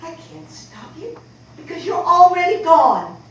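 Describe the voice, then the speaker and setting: A woman's voice: very high-pitched, big pitch swings, a little slow, full character voice. A woman acting the part of an aging mother in a stage play, pleading with her grown daughter through emotional outbursts. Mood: outraged. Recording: echoey hall from far off, background noise.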